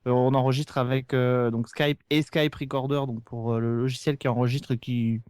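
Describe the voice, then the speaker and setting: A man who hosts a podcast about a TV series chats casually over a remote internet call, explaining at length and hesitantly repeating words. Through a podcast microphone, his medium-pitched, slightly mellow, smooth voice comes across at normal speed with little pitch movement, studio quality, and no echo.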